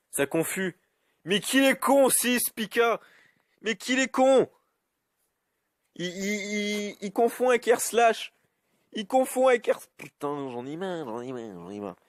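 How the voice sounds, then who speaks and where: A man giving live commentary over his own game, cursing often and swinging between high yelps and low grumbling. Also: no room sound, clean studio sound. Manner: swears freely, swings from yelps to grumbling mutters. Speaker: YouTube gamer.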